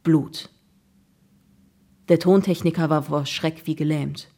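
Husky-voiced woman narrating a story. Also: deep voice, steady tone, takes it slowly, dark tone. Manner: suspenseful storytelling. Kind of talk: scripted audiobook narration.

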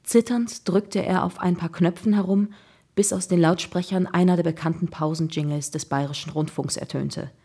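A woman's voice: on the low side, fairly even intonation, normal speed, mellow, slightly rough. A woman narrating a children's crime audiobook in a suspenseful storytelling manner.

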